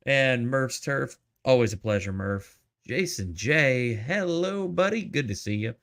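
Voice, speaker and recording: A man's voice: medium pitch, slow. Guy hosting a livestream, laid back and chatty, voice bounces around a lot. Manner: relaxed, chatty, laughs often, greets chat viewers by name. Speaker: livestream host. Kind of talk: casual livestream chat.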